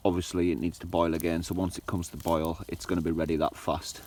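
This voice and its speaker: A man's voice: deep voice, little pitch movement, fast, a little mellow. A man vlogging at his outdoor campsite, chatting casually and joking while cooking and tasting his food. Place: outdoors at a wild campsite by a fire. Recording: distant camera mic, faint outdoor ambience.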